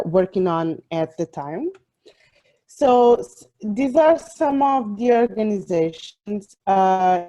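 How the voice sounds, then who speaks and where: Soft-toned woman from Portugal presenting. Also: mid-range voice. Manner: hesitant, many fillers and restarts. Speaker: software developer giving a talk. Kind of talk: online presentation.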